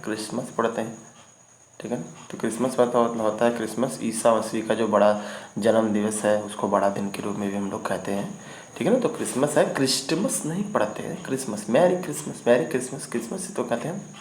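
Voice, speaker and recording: A man teaches vocabulary in an online lesson, saying each word twice and stopping often to check that students follow. His voice sits at an ordinary middle pitch. The room is echoey, with a faint hiss of noise behind. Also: fairly quick. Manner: repeats words and keeps asking "ठीक है ना?".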